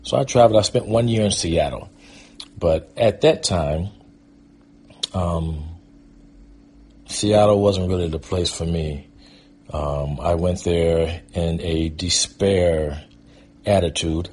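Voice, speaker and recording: Telling his life story as a guest, a middle-aged performing artist from Michigan speaks low, slow and darkish, pausing often. His reminiscing is casual, reflective and conversational, with a little hiss or hum underneath.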